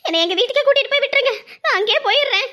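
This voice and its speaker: High, fast, pleading Tamil woman. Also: lively intonation, sharp tone. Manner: pleading and fearful, quick. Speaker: wife and mother. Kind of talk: scripted family drama.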